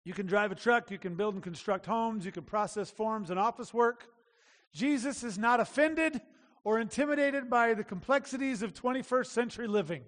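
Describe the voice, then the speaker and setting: High-voiced male pastor preaching in a hall. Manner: conversational preaching, emphatic repetition. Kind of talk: sermon.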